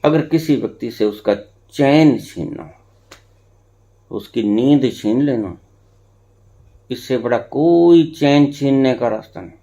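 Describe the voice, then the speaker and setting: A spiritual teacher with a medium-pitched voice speaks slowly to his followers, pausing often. His discourse veers between hushed and emphatic, and he repeats phrases for effect.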